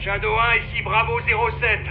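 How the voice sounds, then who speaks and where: An actor playing an intense special-forces soldier in a military video game, giving urgent, terse field reports. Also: male voice, sits high, level tone, brisk, dull audio, lightly acted. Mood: urgent, tense. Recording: loud music and gunfire behind.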